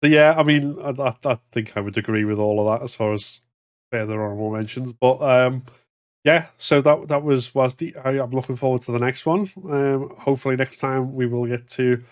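A man's voice: mid-range voice, steady tone, a little fast. Easygoing man hosting a podcast. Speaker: podcast host. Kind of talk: casual chat.

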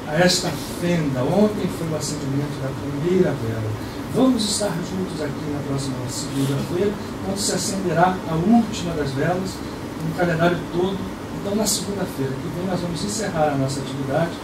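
A middle-aged man from Brazil giving an animated spiritual lecture to a crowded hall, gesturing broadly as he speaks. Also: on the high side, a little fast, recorded from a distance. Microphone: far room mic. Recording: echoey hall recorded from afar, air conditioning hum.

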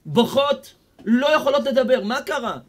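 An Israeli rabbi delivers a sermon, retelling encounters with his listeners. His voice sits very high for a man, and he builds from quiet storytelling to fervent, almost shouted declarations. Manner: impassioned storytelling, rising to near shouts. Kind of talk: sermon with retold stories.

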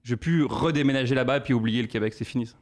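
A man in his thirties from France with a French accent, a comedian answering questions on a podcast with animated storytelling. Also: mid-range voice, racing. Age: 30s. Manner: animated storytelling with quoted asides. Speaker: guest comedian.

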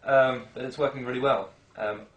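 A man's voice: mid-range voice, fairly even intonation, moderate pace, recorded from a distance, highs cut off, close to an everyday voice. Boastful, breezy male consultant played by a young actor for spoof interview, recorded off mic in echoey room. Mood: breezy, smug. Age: young adult. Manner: breezy, self-satisfied.

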